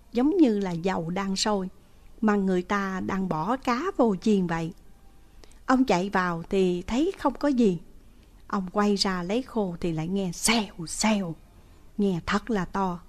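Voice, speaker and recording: A woman's voice: medium pitch, a little mellow. A woman reads a scripted horror story aloud as its narrator.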